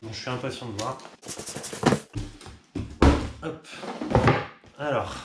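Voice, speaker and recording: A man's voice: mid-range voice, takes it slowly. A man who runs an online shop, chatting casually and upbeat with fillers as he unboxes a product. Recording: echoey room with clear background noise.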